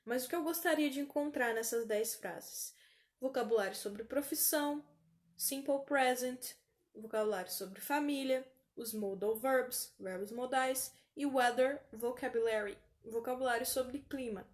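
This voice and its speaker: A fairly high-pitched woman with a Brazilian Portuguese accent gives an online English lesson. She repeats each word slowly so learners can practice pronunciation.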